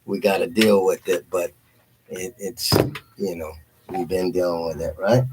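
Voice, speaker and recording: A man's voice: low voice, fairly even intonation, measured pace, noisy background. A man hosting a casual interview show in a laid-back way, often calling people "brother". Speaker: host.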